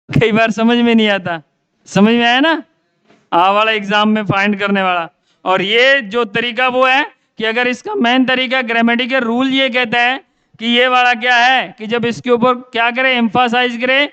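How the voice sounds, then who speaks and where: A man's voice: extremely high pitch, sharp tone, clean tone, no room sound, dull audio. A male teacher giving a grammar lesson, repeating his own questions and answering them.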